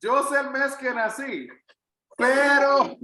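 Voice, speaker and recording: Taking it slowly, a pastor from Puerto Rico leads a Bible study with a Puerto Rican Spanish accent, conversational but earnest and emphatic, repeating phrases for weight. His very high, sharp voice keeps a fairly even intonation in an echoey room.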